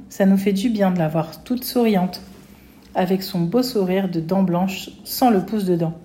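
Woman reader, childlike first-person narration, mellow warm tone. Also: lowish voice. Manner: childlike, plain storytelling. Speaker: audiobook reader.

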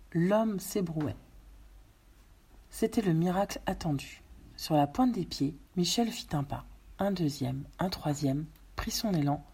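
Husky low-voiced woman reading a story. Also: warm tone. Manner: measured storytelling narration. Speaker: narrator. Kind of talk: reading a novel aloud.

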